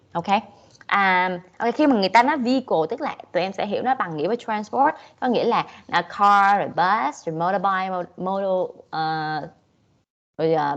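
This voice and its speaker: A woman with a Southern Vietnamese accent leads an online English lesson at a mid-range pitch. She moves back and forth between English and Vietnamese, dropping in "okay" often. The audio is muffled and lo-fi. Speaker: English teacher. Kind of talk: online class teaching.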